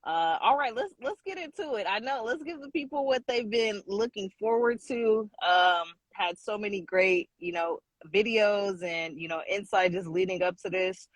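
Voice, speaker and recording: A man's voice: sits high, moderate pace, few pauses, fairly bright tone, dry recording. A man co-hosting a casual online show, speaking in an upbeat, easygoing way over a video call. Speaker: co-host.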